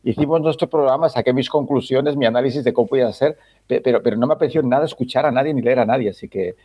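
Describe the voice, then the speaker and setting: Husky guy explaining stuff on a football podcast, kinda dull lo-fi sound. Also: mid-range voice, rapid-fire. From Spain. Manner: explains patiently, many filler "no?" tags. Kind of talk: casual chat.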